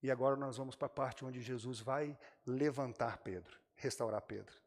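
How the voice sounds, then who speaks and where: Preaching in a church with a long reverb tail, a Brazilian Portuguese–accented pastor speaks at a moderate pace in a medium-pitched voice. He addresses his congregation directly and acts out the characters' lines while telling the story.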